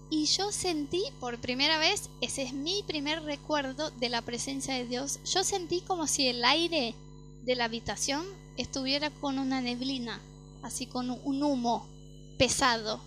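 A woman's voice: high-pitched, sharp tone. A woman giving a personal testimony sermon, telling her story and acting out the dialogue she quotes. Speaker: preacher.

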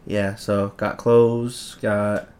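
Brief: young male co-host, deadpan and easygoing, lowish voice. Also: extremely slow. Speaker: podcast co-host. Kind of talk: casual podcast banter.

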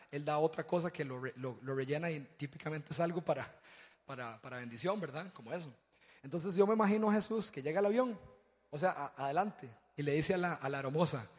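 A man speaks to a congregation in a sermon-style testimony, telling his stories with animation. He often stumbles and repeats words as he goes. His fairly high voice rings out with a long hall reverb. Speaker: church speaker.

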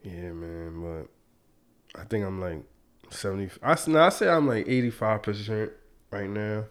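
A young man hosts a podcast in a laid-back, slangy way, chuckling as he goes. His voice is lowish and a little slow, and he sounds stuffy and congested from a cold.

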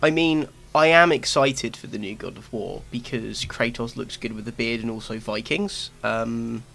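Playful podcast co-host. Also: male voice, mid-range voice, moderate pace, gravelly, a bit bright, faint music behind. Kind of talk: casual chat.

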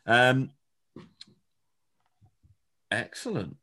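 Lively-voiced man hosting a quiz. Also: medium pitch, very slow. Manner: laughs easily, loose and chatty. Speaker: quiz host. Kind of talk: casual podcast quiz chat.

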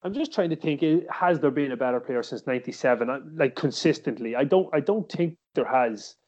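A man with an Irish accent hosting a casual sports discussion, halting and repeating words as he thinks. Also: mid-range voice, animated, darkish tone. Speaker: podcast host. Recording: slightly dull, muffled podcast audio.

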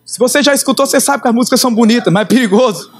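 A middle-aged man, preaching his conversion testimony with emotional storytelling that swings in pitch and slows for emphasis. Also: slight background noise. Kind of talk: sermon testimony.

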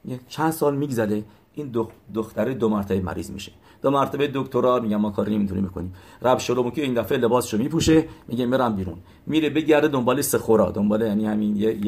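A man tells a religious story in an even middle register. He stops and restarts often. He raises his voice to act out what his characters say. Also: mid-range voice. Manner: halting, with many fillers and restarts. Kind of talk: retelling religious stories to listeners.

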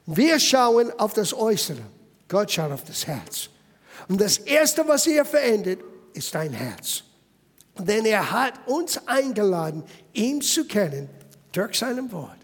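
High, lively-voiced male preacher in a hall. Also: husky. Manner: emphatic preaching, addresses listeners directly. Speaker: pastor. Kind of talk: sermon.

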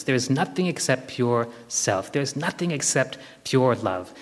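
Man teaching spirituality in a reverberant hall. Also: medium pitch. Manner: emphatic repetition of short phrases; probing questions to listeners. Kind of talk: spiritual discourse and guided meditation to a group.

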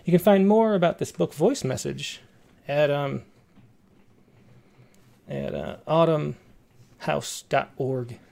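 A man with a creaky voice casually hosting and interviewing a guest on a poetry show. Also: a little high, takes it slowly, long pauses, a little mellow. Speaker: host of a poetry reading show.

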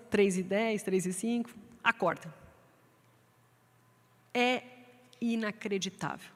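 A woman with a Brazilian Portuguese accent preaching a sermon in a lively way, acting out quoted voices. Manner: lively, acts out quoted voices in a raised pitch. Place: church sanctuary. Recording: long hall reverb from the church sanctuary.

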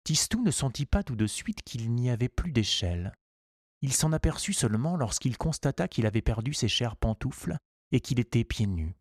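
A man reading a children's storybook aloud in a calm, measured and gently expressive way. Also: medium pitch, husky, no room sound, clean studio sound. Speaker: audiobook narrator. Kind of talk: scripted storybook narration.

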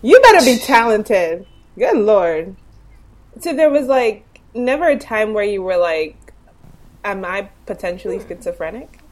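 A woman's voice: mid-range voice, big pitch swings, a little slow. A woman in her twenties interviewing a guest in casual chat, reacting with amazed exclamations.

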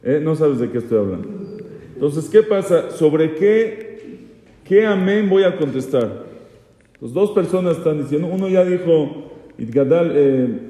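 Dark-voiced rabbi in an echoey hall. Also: male voice, on the high side, expressive, unhurried. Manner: poses rhetorical questions, teasing asides. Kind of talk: Torah law lesson. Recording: echoey hall with long reverb.

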